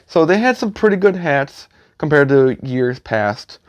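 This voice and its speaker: A man giving a casual, opinionated vlog in a grumbling back-in-my-day rant, halting and correcting himself as he goes. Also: a little high, very animated, clean tone, no room sound. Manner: halting, self-correcting, trailing delivery. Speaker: hat collector vlogger.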